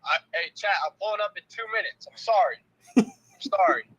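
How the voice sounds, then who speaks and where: A man calling in on speakerphone for casual chat with a stream host, hurried and apologetic. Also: high-pitched, pushed and bright. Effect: heard over a phone on speakerphone. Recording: muffled lo-fi speakerphone from off-mic.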